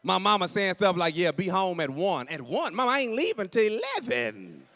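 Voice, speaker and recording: A man in his late forties doing animated stand-up storytelling on stage, dropping to low asides and jumping up for punchlines. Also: moderate pace. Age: 40s. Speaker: stand-up comedian. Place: church hall on stage. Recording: long hall reverb.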